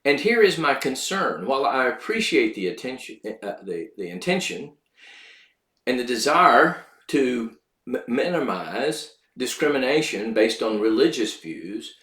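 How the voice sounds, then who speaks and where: A man hosting a podcast, giving measured spoken commentary on law and religion; his voice sounds tinny and hollow, as if he is talking inside a tin can. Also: mid-range voice, very animated, fairly bright tone, reverberant. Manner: measured, lecturing delivery with occasional filler words. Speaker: podcast host. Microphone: makeshift sound system instead of his usual microphone.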